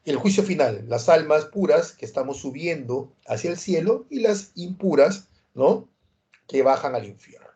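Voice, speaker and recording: A man's voice: a little high, lively intonation, moderate pace, dark tone. A man from Peru teaching history in a university prep lecture. He tells stories with animation and keeps checking in with tag questions.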